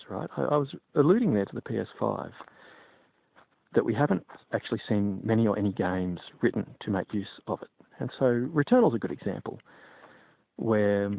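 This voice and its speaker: A man's voice: mid-range voice, vocal fry, breathy edge, no room sound. A middle-aged man and PC technician giving his opinions on gaming in a digressive, casual monologue. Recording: tinny phone-like sound, dry.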